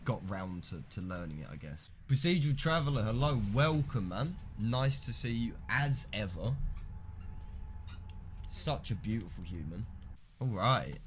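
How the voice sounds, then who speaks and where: A man's voice: fairly low pitch, sing-song, measured pace, a little hiss or hum. A nineteen-year-old British man live-streaming a game, chatting casually in a matey, rambling, sweary way.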